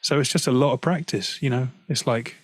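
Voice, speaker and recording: A man with a British accent, a guest singer-songwriter chatting casually in an interview from home, relaxed and quick to laugh. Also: mid-range voice, no echo. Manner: relaxed, chatty, laughs easily, frequent "you know". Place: at home practicing, on a call.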